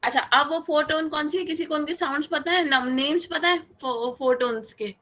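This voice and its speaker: A woman's voice: high voice, moderate pace, sharp tone. A woman teaching an online Chinese class, patiently drawing out each sound as she demonstrates it. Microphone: video call.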